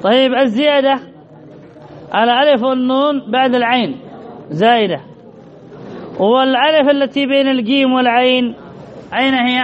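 A man teaching an Arabic grammar lesson, reading a text and explaining it slowly and methodically, asking questions and answering them himself. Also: very high voice. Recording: dull lo-fi class recording with faint noise.

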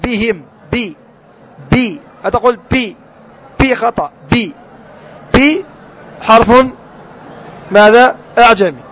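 A man with a very high voice leads a tajweed lesson. He quizzes his students and says letter sounds over and over for them to copy. The recording is dull and lo-fi, made outdoors. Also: normal speed, pauses often, a bit bright. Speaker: Quran recitation teacher.

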